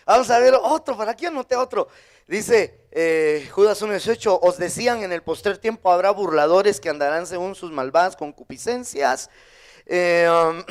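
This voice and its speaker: A Guatemalan man preaching a sermon as pastor, lively, with sudden high emphatic bursts. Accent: Guatemalan Spanish.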